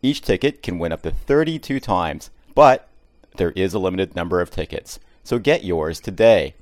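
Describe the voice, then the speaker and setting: A man reading a scripted charity lottery promo in a clear announcer style. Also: low voice, expressive, normal speed, a little mellow, no echo.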